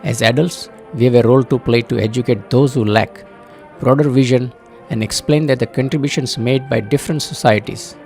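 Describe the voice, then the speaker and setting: An older man from Uganda telling a personal family story in a measured, earnest way, as scripted narration. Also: medium pitch, vocal fry, darkish tone, faint music behind.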